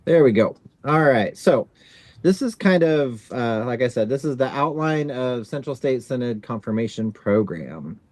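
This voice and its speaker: A man hosting an orientation on a video call, explaining a new program in a relaxed way with many fillers. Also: mid-range voice, measured pace, no room sound. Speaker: synod staff leading a video-call orientation.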